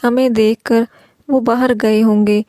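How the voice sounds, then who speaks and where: Flat, mellow woman telling a story. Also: fairly high pitch, a little slow, dry recording. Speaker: first-person story narrator. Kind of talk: read-aloud audiobook narration.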